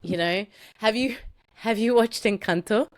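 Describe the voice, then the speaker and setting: A woman in her thirties from El Salvador, a podcast guest telling her own story candidly and acting out quoted dialogue with sudden rises in pitch. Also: unhurried. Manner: animated, acts out quoted dialogue with rising pitch.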